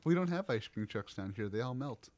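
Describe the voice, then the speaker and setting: A man's voice: medium pitch, animated, a little fast, darkish tone, a little hiss or hum. A man, co-hosting a podcast in casual chat, teasing, laughing and swearing freely. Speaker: podcast co-host.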